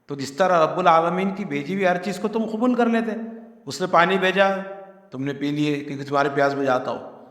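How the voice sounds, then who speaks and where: A man's voice: fairly high pitch, a bit bright. A man preaching a Quranic commentary in speech, earnest and emphatic, asking rhetorical questions. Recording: echoey hall.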